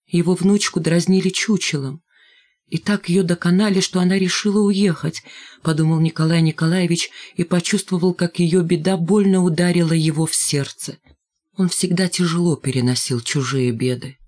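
A narrator reading a novel aloud in a measured, expressive literary style. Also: medium pitch. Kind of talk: scripted audiobook narration.

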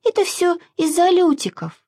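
A woman voicing a lively, teasing little girl in a storybook reading, calling out in a high, excited voice. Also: normal speed, dry recording, studio quality.

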